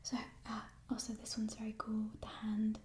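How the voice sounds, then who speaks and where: A woman in a whispered role-play as a playful, chatty thief, musing hesitantly in a burglar's hushed whisper over stolen treasure. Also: a little high, monotone, normal speed, a little hiss or hum, close to an everyday voice. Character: playful, chatty female thief showing off stolen coins in a fantasy world.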